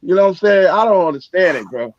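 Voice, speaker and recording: Caller, man from Africa, fairly high voice, easygoing, dull cell phone line. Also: animated, fast, dry recording. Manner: laid-back, laughs easily, says "man" a lot. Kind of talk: casual call-in chat. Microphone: cell phone call.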